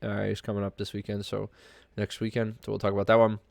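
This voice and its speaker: A man's voice: fairly low pitch, monotone, fast talker, creaky, a little mellow, dry recording, studio quality. A man who sounds congested with a cold, hosting a podcast with casual, rambling solo sports commentary. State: under the weather, congested with a cold. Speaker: podcast host.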